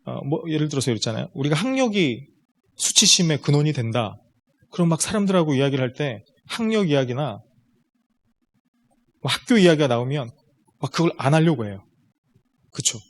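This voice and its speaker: Man, seminar lecturer, parents' audience, somewhat high voice, explanatory, rhetorical questions. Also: expressive, fairly quick, pauses often. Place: lecture room at a school.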